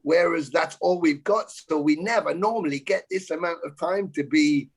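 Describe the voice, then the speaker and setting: A man's voice: a little high, moderate pace, breathy edge. A man, a metal musician chatting casually on a video call and talking in long runs with casual swearing.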